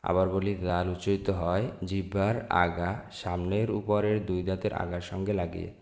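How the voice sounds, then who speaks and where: A man from Bangladesh teaching the Arabic letters in a slow lesson, saying each sound and repeating it for viewers. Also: low-pitched, flat delivery, a little mellow. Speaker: Quran teacher. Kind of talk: slow step-by-step alphabet lesson.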